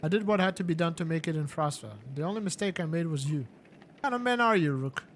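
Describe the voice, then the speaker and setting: A man's voice: a little high, lively intonation, fast talker, slight background noise, natural voice. A man voicing a sly, mocking male warlord in a story-driven game, speaking in a theatrical manner.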